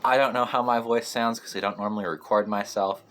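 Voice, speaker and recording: Teen male guest, deadpan and blunt, a bit low-pitched, faint room hum behind him. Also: brisk. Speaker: podcast guest. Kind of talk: casual chat.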